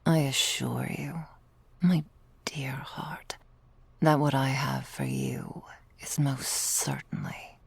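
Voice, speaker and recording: This woman's exaggerated take on a loving, patient vampire girlfriend comes in a very deep, breathy whisper for ASMR roleplay. Her phrasing is formal, languid and tender, the mood devoted, and there's no room sound at all.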